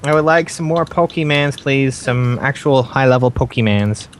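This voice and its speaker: A man's voice: medium pitch, moderate pace, a little hiss or hum. A young man casually chatting and joking while playing a game with friends, often breaking into sing-song bits and swearing. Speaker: let's play host. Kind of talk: casual gaming chat.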